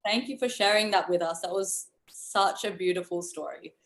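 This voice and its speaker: A woman's voice: on the low side, moderate pace, fairly bright tone. A woman hosting an interview, thanking a guest in an appreciative way. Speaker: host. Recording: roomy echo.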